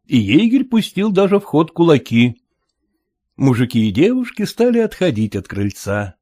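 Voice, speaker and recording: A man reading a story aloud with expressive acted voices. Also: a little high, dry recording. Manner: expressive, slow in the dialogue.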